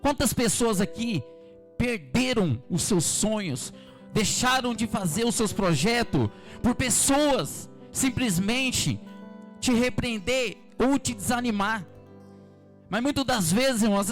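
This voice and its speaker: A man with a Brazilian Portuguese accent preaching an evening church sermon, fervently repeating his calls to the congregation. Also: very high-pitched. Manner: fervent, repetitive exhortation addressing the congregation. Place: church service.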